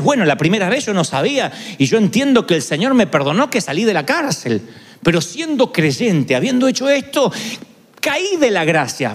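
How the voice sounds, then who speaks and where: A male pastor preaching a sermon, acting out the words of the people he quotes. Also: high-pitched. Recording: echoey hall with long reverb.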